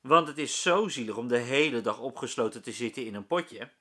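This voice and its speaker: A man voicing a cheeky young schoolboy in a children's story, with a high, eager voice. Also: very animated, moderate pace, bright, forceful tone, heavily acted.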